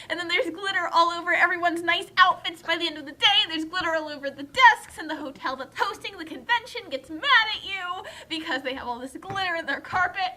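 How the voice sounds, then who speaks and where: A young woman guest co-commentator chats casually, spinning rambling anecdotes with wry exaggeration. Her voice is very high-pitched, bright and pushed.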